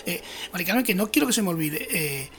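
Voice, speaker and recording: Woman interviewer, lowish voice, supportive, stumbles over words. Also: animated, quick pace, fairly bright tone. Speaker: interviewer host.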